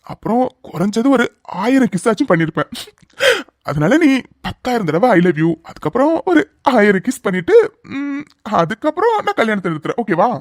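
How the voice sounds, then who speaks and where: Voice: mid-range voice, big pitch swings, brisk, no room sound, clean studio sound, natural voice. Someone voicing a teasing young cartoon groom. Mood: mocking. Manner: mocking, joking, then sharp and commanding. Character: teasing young groom who turns angry. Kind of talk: cartoon voice acting.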